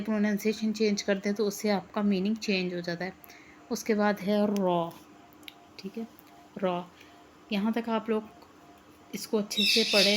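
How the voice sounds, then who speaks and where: A woman, giving a patient online Quran lesson and repeating each letter slowly. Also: mid-range voice, a bit bright, a little hiss or hum. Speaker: Quran teacher.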